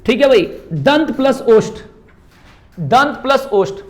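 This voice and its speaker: A man teaching a classroom lecture who sounds each letter out loud, drills the students and keeps calling them "bhai". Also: extremely high pitch, takes it slowly. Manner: lively, repeats sounds aloud and drills students; calls students "bhai" often.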